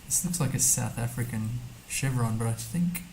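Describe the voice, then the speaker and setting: A man's voice: mid-range voice, moderate pace, darkish tone, slight background noise, low-quality recording. A man streaming a map game, thinking aloud casually as he mutters guesses and reads numbers to himself. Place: indoor streaming setup.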